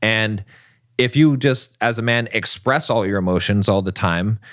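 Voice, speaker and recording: A man's voice: fairly low pitch, normal speed, a bit bright, no echo, studio quality. A man co-hosting a relationship podcast, talking emphatically and tagging his points with "right?". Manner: emphatic, keeps asking "right?". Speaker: podcast co-host. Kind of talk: relationship advice podcast talk.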